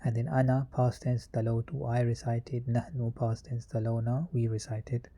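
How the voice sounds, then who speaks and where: A man's voice: mid-range voice, moderate pace. A man teaching a grammar lesson, methodically reciting verb conjugations one form after another. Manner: methodical, reciting verb forms in a steady list.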